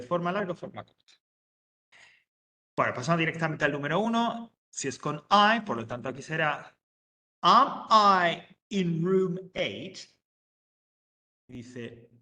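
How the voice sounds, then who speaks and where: A man teaching an English grammar lesson, explaining step by step and reading example sentences slowly. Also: a little high, bright, forceful tone. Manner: explains step by step, checks understanding with frequent "¿vale?" and "¿ok?". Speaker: adult education English teacher. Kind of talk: recorded online English lesson.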